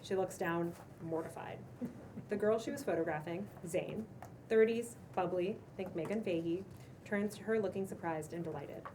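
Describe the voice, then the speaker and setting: At a casual table read, a woman narrates the stage directions from the script at a moderate pace, her voice warm and on the low side. The sound comes from a distant room mic, with background noise clearly audible.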